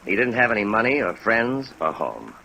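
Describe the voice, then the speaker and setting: An actor playing an earnest, discouraged American insurance claims man, halting and sincere, in a 1950s radio drama. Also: fairly low pitch, big pitch swings, gravelly, sharp tone, heavily acted, poor audio. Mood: earnest, weary. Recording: vintage radio recording with rain noise.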